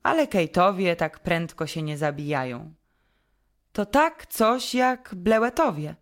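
A woman voicing an earnest, tearful eight-year-old boy in a storybook reading, lifting into a higher childish tone. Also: expressive, unhurried.

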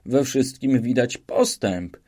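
A man's voice: mid-range voice, takes it slowly, mellow. A man voicing a naive, cheerful soldier who talks earnestly and rambles politely in an audiobook. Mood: cheerful rambling. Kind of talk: audiobook reading.

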